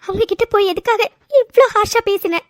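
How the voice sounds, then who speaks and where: A woman voicing an emotional young woman in a cartoon dub, who speaks in a soft and hesitant way. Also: very high-pitched, fairly quick, no echo, studio quality. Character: tender, emotional young woman, often tearful.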